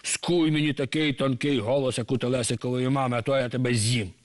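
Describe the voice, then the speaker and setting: A man doing a shrill, screeching snake monster. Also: steady tone, fairly quick, natural voice. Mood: threatening. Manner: menacing, bossy. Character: wicked hungry female snake monster.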